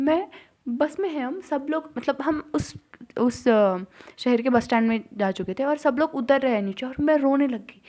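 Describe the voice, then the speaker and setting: A young woman from India, a student vlogger chatting casually to camera and telling a story with animated rushes and soft near-whispered asides. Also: high voice. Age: young adult. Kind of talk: casual chat.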